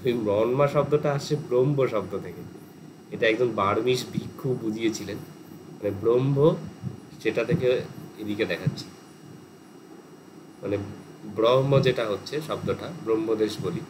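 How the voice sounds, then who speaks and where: A man's voice: on the low side, normal speed, long pauses. A male teacher with a West Bengal Bengali accent, lecturing in a class and explaining terms at length with English words mixed in. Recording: air conditioner hum behind.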